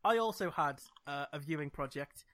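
A man's voice: on the high side, expressive, normal speed, fairly bright tone. Rambling man on a podcast. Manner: rambling, full of "like" and restarts; dry, jokey asides. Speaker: podcast co-host. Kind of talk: casual chat.

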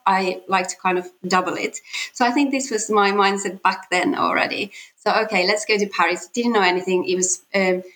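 A woman's voice: medium pitch, fairly bright tone, poor audio. A woman in her forties from Finland with a Finnish accent, a podcast guest telling her story in a hesitant way, with many fillers and restarts. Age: 40s. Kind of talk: casual interview talk.

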